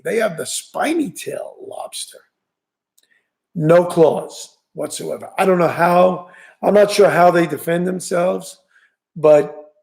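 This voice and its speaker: Gravelly New York man, rambling. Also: on the high side, darkish tone. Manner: rambling, enthusiastic storytelling with many restarts. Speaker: fishing show host. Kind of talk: casual chat.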